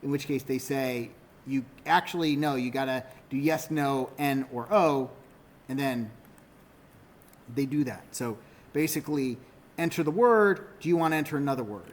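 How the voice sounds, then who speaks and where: A man's voice: medium pitch, moderate pace. A male university lecturer giving a classroom lecture, explaining step by step, correcting himself often and checking that students follow.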